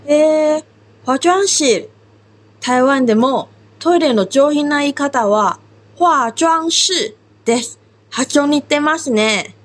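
Woman from taiwan, really high voice, asking questions on a language podcast. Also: expressive, slow pace. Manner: curious, asks the host questions. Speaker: Chinese language instructor, co-host. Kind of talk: friendly lesson co-hosting.

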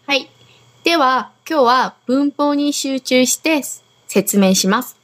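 A woman's voice: sits high, lively intonation, takes it slowly, fairly bright tone. A Korean woman hosting a radio language lesson, patiently explaining grammar and modelling words to repeat. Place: Okinawa.

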